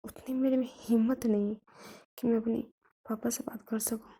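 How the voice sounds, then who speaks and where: Lady doing a soft pleading young girlfriend, breathy whispered role-play, mellow. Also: fairly high pitch, level tone, normal speed. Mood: fearful. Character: young woman student, tender pleading lover.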